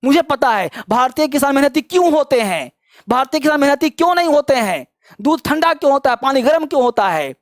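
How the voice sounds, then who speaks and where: A man's voice: extremely high pitch, very animated, no room sound, clean studio sound. A man teaching a spoken English lesson, urging learners on and drilling example sentences in rhythmic repetition. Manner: slows to a deliberate, syllable-by-syllable pace when modelling sentences. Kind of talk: energetic online grammar lesson with call-and-response drills.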